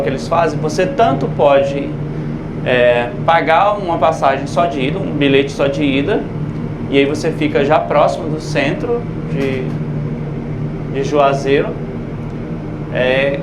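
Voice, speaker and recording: A man's voice: a little high, measured pace. A man casually narrating a travel vlog while walking around outside, chatting to his viewers like a tour guide. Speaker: travel vlogger. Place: outdoors at a hilltop statue and cable car, city. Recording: loud outdoor noise and wind.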